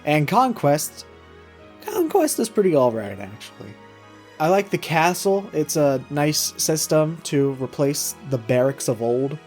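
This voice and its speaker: A man's voice: fairly high pitch, big pitch swings, measured pace, a little mellow, faint music behind. A young man ranting in a voice-over about video games, sarcastic and profane, exasperated at the story. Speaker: video game commentary creator.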